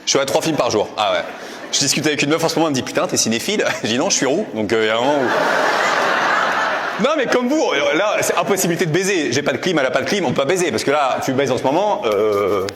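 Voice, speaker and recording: A man doing punchy stand-up comedy, animated and slangy, teasing his audience as he goes. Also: mid-range voice, racing. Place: live comedy show before an audience. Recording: echoey live venue, loud audience noise.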